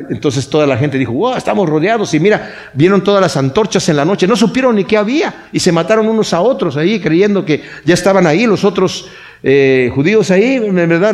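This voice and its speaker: A pastor in full sermon mode, speaking with a somewhat high male voice. He preaches conversationally, tossing in rhetorical questions and restarting phrases. His delivery rises and drops sharply in pitch and volume. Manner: conversational preaching, frequent "¿verdad?" asides and repetitions; animated, with wide swings in pitch and loudness.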